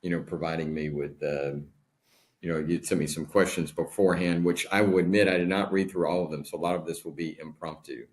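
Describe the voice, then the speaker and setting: This is a man in his forties being interviewed as a guest. His voice sits very low and deep. He speaks in a measured, deliberate way, like someone in a relaxed conversation. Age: 40s. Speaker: podcast guest. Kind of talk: casual interview talk.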